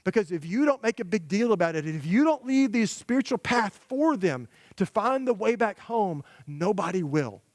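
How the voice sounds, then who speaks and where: A man's voice: high-pitched, very animated, moderate pace, hardly any pauses, no echo, clean studio sound. A middle-aged man preaching a conversational, storytelling sermon to a church congregation, emphatic and full of rhetorical questions to parents. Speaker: guest preacher. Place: church sanctuary.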